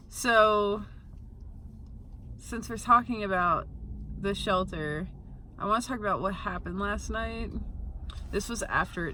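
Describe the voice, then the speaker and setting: A woman's voice: mid-range voice, pushed and bright, a little hiss or hum. A young woman vlogging in a casual chat, telling a story with frequent giggles. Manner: chatty storyteller, giggles between phrases.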